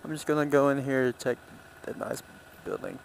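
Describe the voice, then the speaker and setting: A gravelly, medium-pitched male voice comes through fairly quickly, with a little hiss or hum. He's a motorcycle vlogger riding outdoors on city roads, rambling casually and voicing his thoughts as he goes.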